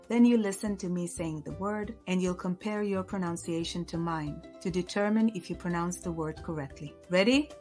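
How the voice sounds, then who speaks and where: Woman, language teacher, slow and clear, slightly low voice, soft music behind. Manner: slow, clear teaching delivery with stressed example words. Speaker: Hebrew teacher. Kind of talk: language lesson.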